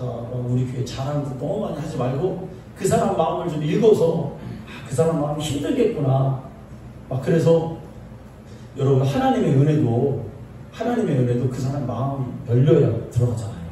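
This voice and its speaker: A man's voice: medium pitch, mellow. A man preaching a conversational sermon as a pastor, often calling out to his congregation and acting out the voices of the people in his story. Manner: calls out to the congregation, acts out quoted voices. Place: church sanctuary. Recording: echoey church from far off, faint noise.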